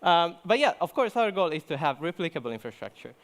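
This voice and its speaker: Talking fast with big swings in pitch, this high-voiced young Italian speaker jokes and chats his way through a conference-hall presentation. He often restarts and fills pauses with fillers.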